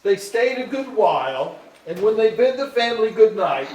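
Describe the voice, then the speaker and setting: A man reads scripted storybook narration for a staged musical, performing live in an indoor hall. His high voice has a sing-song quality at normal speed, and the roomy, distant stage pickup carries heavy background noise.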